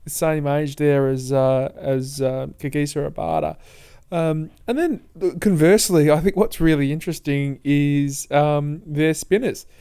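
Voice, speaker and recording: Male sports co-host, fairly high clean voice, casual, halting, thinking-aloud delivery. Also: steady tone, gravelly, mellow, clear, resonant tone. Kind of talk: casual cricket discussion.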